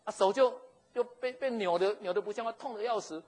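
A man, telling a story in a sermon in an animated, jokey way. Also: high voice, fairly quick, poor audio. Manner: animated, jokey, with frequent chuckles and restarts. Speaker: pastor.

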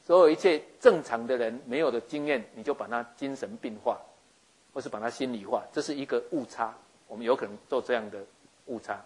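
A man giving a lively sermon, acting out scenes and often checking that his listeners follow. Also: medium pitch, fairly quick, breathy edge. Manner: animated, acts out scenes, keeps asking listeners if they follow. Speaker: preacher.

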